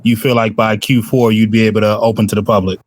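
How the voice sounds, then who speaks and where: A man's voice: lowish voice, flat delivery, quick pace. A man in a casual question-and-answer exchange, speaking as a judge.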